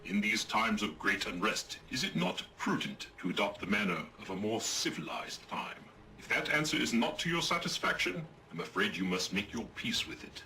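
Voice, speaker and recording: An actor playing a pompous, old-fashioned robot naval captain in a video game, with theatrical gentlemanly diction. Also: male voice, fairly low pitch, normal speed, a little hiss or hum, exaggerated voice. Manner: grandiose, lively commanding delivery. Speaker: ship's captain.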